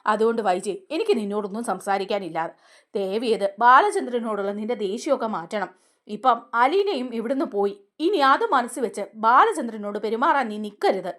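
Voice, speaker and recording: A woman voicing a calm older man who reasons with a firm, admonishing manner. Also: fairly high pitch, fairly quick.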